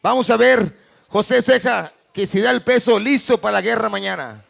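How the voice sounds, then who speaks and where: A male host hypes up a boxing weigh-in, switching between two languages and repeating drawn-out catchphrases. His voice is extremely high and gravelly, with a bright, forceful edge. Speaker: bilingual weigh-in host and announcer. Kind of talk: hype boxing announcing switching between Spanish and English.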